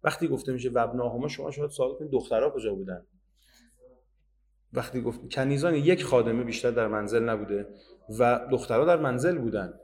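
A man giving a religious history lecture, reading old narrations out slowly and then explaining them in everyday speech. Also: mid-range voice, darkish tone. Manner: reads Arabic narration slowly, then explains in casual Persian.

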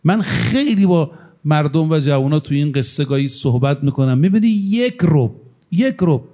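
A male cleric giving a sermon, telling stories with emphatic rises in pitch on his key points. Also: animated, dark tone. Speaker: cleric preacher.

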